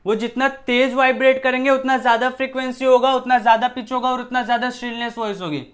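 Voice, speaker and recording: A man's voice: very high-pitched, fairly even intonation, quick pace, fairly bright tone. A man teaching a physics lesson in casual classroom style, asking himself questions and repeating key words. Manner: repetitive, rhetorical questions, shifts voice to demonstrate. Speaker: science teacher.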